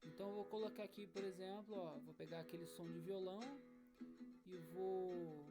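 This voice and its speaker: A woman's voice: lowish voice, fairly even intonation, normal speed. A woman teaching an online music lesson, explaining step by step and checking in with her students. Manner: explanatory, checks in often with "né?" and "tá bom?". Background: faint acoustic guitar.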